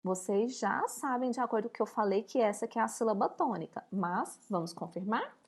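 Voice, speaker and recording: A woman's voice: fairly high pitch, expressive, brisk. A Brazilian woman teacher giving a recorded lesson to young pupils, stretching out words syllable by syllable. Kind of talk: recorded remote school lesson.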